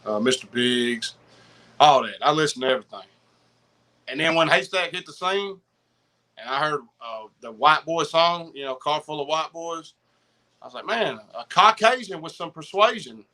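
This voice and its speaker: A middle-aged man with a Southern US accent chatting casually as a podcast guest, rambling in slang and repeating himself excitedly. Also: on the high side, normal speed, long pauses, rough recording. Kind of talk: casual chat, rambling anecdotes.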